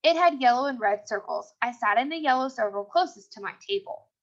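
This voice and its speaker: A woman reads a children's mystery story aloud with plenty of expression, animatedly acting out the characters' dialogue. Her voice is on the high side and brisk. The sound is dull and lo-fi.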